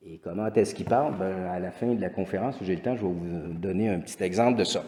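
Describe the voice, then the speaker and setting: A middle-aged teacher from Quebec speaks fast in a low, dark voice with a Québécois French accent during a conference lecture. His talk rambles with frequent restarts and fillers, recorded in an echoey hall with long reverb.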